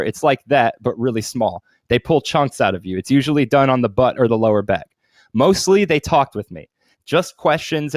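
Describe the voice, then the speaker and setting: A podcast co-host chats casually, telling stories and reading one aloud in an informal, sweary style. His mid-range voice is recorded dry.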